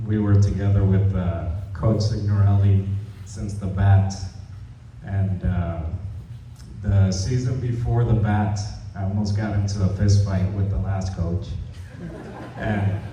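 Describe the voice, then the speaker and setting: Low, dark-voiced father in an echoey hall. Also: fairly even intonation, slow, slight background noise. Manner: informal, rambling, many "uh"s. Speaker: parent speaking at a memorial. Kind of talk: personal storytelling at a memorial. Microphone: distant room mic. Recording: muffled, echoey hall from far off.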